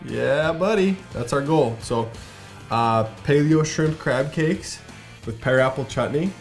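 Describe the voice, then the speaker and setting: A man with a mid-pitched voice hosts a casual cooking show, upbeat and chatty as he talks viewers through each step. Faint music and the sizzle of frying sit quietly behind him. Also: slow. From Minnesota. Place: garage kitchen. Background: faint background music and frying.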